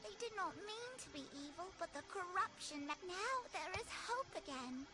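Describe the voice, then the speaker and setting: A woman's voice: very high voice, animated, normal speed. A woman voicing a tiny, joyful female pixie sprite in a video game, with a sprightly fairy voice. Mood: grateful, hopeful. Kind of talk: video game character acting. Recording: loud game music over voice.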